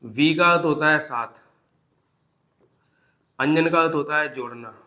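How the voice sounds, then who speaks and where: Repetitive teacher, a fairly high man's voice. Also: unhurried, pushed and bright. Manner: repetitive, drilling teacher, asks and answers his own questions. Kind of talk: exam-prep grammar lesson.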